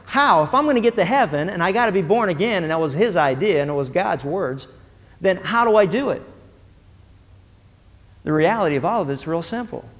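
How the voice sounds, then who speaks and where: A man's voice: high voice, a little fast. A middle-aged man preaching a sermon, telling stories and acting out the people in them. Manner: storytelling, animated, acts out the people in his stories. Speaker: pastor. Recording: long hall reverb.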